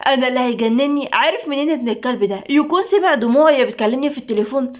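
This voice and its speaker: A woman's voice: high-pitched, racing, natural voice. A woman reading the part of a teasing, sarcastic young Egyptian woman in a spoken story, with an Egyptian accent. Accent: Egyptian Arabic.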